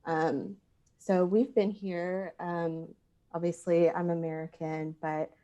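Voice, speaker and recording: Podcast guest: a woman in her thirties, from Thailand, low and warm-toned, earnest and measured with frequent "um" pauses. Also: flat delivery, dull audio. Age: 30s. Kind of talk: podcast interview.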